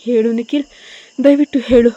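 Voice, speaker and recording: Woman doing a frantic grieving young mom, kinda high voice, shouting and blaming. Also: normal speed, no echo, highs cut off, lightly acted. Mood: desperate. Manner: pleading, then shouting and blaming. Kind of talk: audio story reading.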